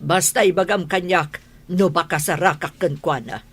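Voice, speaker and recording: A woman playing a stern, stubborn older mother in a radio drama, with a husky voice. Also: lowish voice, moderate pace. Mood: demanding.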